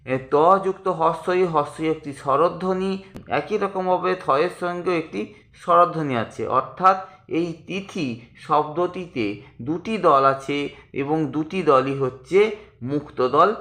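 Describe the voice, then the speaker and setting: A man teaching a grammar lesson, speaking to his students as friends and slowly drawing out the example words. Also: a little high, pushed and bright, reverberant. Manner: slow, drawn-out pronunciation of example words.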